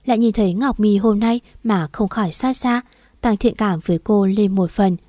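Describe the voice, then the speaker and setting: A woman narrates a story in a steady, measured reading. Her tone is dark and mellow, and the sound is dry and close to the mic. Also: medium pitch, no echo.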